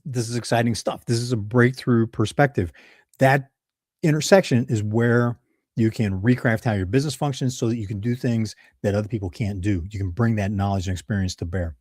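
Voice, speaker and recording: A man's voice: medium pitch, darkish tone, no room sound, studio quality. A man with a Midwestern accent hosting a solo leadership advice talk, conversational and prone to digressions and self-corrections. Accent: Midwestern American. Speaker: leadership channel host.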